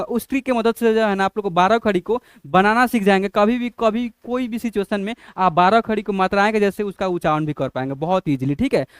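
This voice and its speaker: A man teaching letters as a teacher, in slow, drawn-out drills that keep asking what each letter makes. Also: high-pitched, clean tone, dry recording, clean studio sound. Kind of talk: classroom-style lesson.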